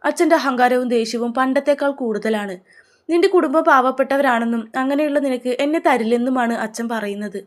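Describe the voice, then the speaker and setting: A young daughter in love, frightened yet brave, from a storybook tale, voiced by a woman narrator. She pleads earnestly in a fairly high voice. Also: a little fast, natural voice.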